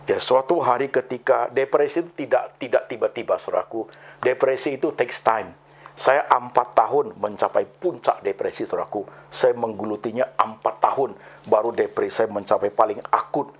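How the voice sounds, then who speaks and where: A middle-aged man, a pastor, telling his life story in a sermon and addressing the listeners as brothers and sisters after nearly every phrase, slow and dramatic with sudden high lifts. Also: gravelly, slight background noise. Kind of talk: testimony sermon.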